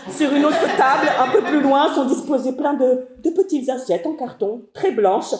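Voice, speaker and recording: An actress voices a frazzled young woman of nearly thirty, rushing and breathless, her rhythmic delivery breaking into sudden outbursts. Her voice sits high and bright. A roomy hall echo hangs around every line of this live stage reading. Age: 20s. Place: stage at a theatre festival.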